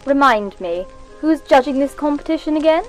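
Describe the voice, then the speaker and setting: A woman playing a prim, sharp-tongued radio hostess from the 1940s, with crisp and disapproving delivery. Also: high voice, animated, normal speed, soft background music.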